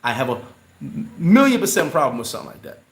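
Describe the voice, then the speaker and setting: A man's voice: on the high side, sing-song, fast. A man hosting a casual livestream, answering his chat in a loose, rambling way and repeating words when he gets worked up. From New York. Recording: roomy echo.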